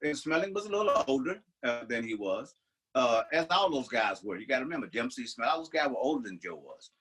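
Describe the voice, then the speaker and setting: Husky older man telling stories. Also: medium pitch, animated, fast, fairly bright tone, poor audio. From United States. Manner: rambling storyteller, many restarts. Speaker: podcast co-host. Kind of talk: casual chat.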